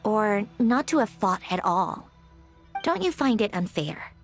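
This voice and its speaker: Grieving and reflective, the aloof, prickly young woman in this video game, melancholy and haughty with frequent sighs, is voiced by a woman with a sing-song mid-range voice at a slightly slow pace. Music runs beneath her.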